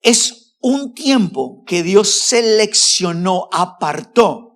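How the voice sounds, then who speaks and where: A man preaching a sermon as pastor. He asks the congregation rhetorical questions and speaks to them directly, swinging between loud stressed words and low, quiet phrases. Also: expressive, very slow. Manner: addresses the congregation directly and formally.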